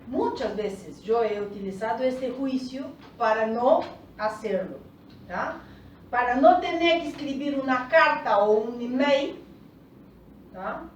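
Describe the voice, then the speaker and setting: Her voice sits a little high and sounds animated, with slight background noise. She's a coach, Portuguese by native tongue, leading a group in Spanish with slow explanations and regular "¿tá?" check-ins, heard from a distance in a room full of echo.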